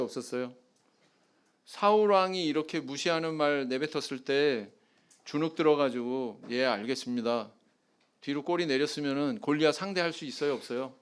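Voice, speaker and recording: A man's voice: a little high, smooth. A male pastor delivering an expository sermon in a church, often putting questions to the congregation and answering them himself, with frequent affirming "yes" fillers. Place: church sanctuary.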